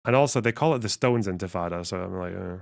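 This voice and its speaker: A young man with a somewhat low voice, reacting to a debate on stream. He talks bluntly, swears freely and thinks out loud, adding sarcastic asides. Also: quick pace, creaky. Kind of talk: casual reaction commentary.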